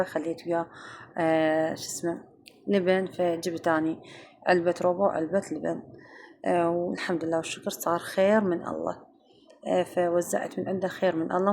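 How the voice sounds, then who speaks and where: Quick-talking Iraqi woman vlogger. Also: lowish voice, a little hiss or hum. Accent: Iraqi Arabic. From Iraq. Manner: chatty, addresses viewers warmly as girls and sweethearts. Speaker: home cooking vlogger. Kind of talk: casual chat to viewers.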